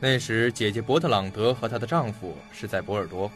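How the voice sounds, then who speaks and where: Voicing a shrewd, chatty, confident detective in an audio mystery drama, this male actor speaks briskly in a low-leaning, natural voice. He unfolds the case like a theatrical storyteller, with faint music playing behind him.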